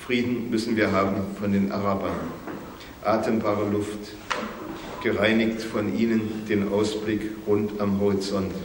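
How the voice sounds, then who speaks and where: A man voicing an old male jackal elder who pleads solemnly, in a measured, plaintive storybook reading. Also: fairly low pitch, level tone, natural voice. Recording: roomy recording with faint hiss.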